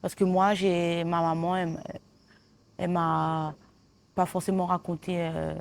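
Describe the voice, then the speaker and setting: A woman's voice: lowish voice, level tone, measured pace, creaky. Lisping woman in casual conversation. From La Réunion. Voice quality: lisp, slushy s sounds. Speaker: interview guest, singer. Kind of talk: casual chat.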